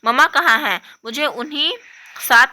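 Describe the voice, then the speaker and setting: A woman's voice: high voice, moderate pace, pushed and bright. A woman voicing a sulky young girl who stammers through her tears. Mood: tearful. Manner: tearful, stammering.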